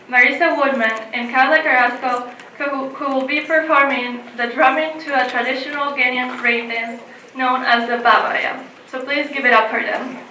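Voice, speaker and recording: Young woman emcee, bright and high. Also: a little hiss or hum. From Ecuador. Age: young adult. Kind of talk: live event hosting. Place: college event room. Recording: roomy echo, distant from mic.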